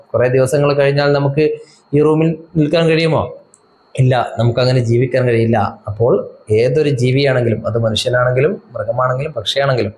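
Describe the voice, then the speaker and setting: A man teaching an Arabic lesson, reading phrases slowly and explaining each one to students. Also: mid-range voice, a little mellow, poor audio. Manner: asks rhetorical questions of students.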